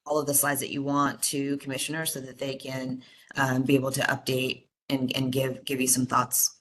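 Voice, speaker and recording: A woman's voice: very deep voice, monotone, moderate pace. A woman chairing a commission meeting over a video call, speaking with many fillers and restarts. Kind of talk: virtual meeting discussion.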